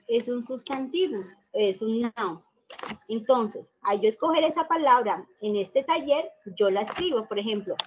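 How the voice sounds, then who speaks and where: A woman's voice: a little high, slight background noise, low-quality recording. A middle-aged woman teacher explaining a class assignment in an informal, example-filled way, with many fillers, recorded on a computer microphone. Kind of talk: screen-recorded tutorial explanation.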